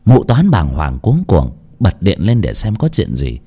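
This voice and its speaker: A man's voice: a little slow, slightly rough. A man narrating a horror story in a dramatic storytelling style. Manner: expressive, sweeping pitch.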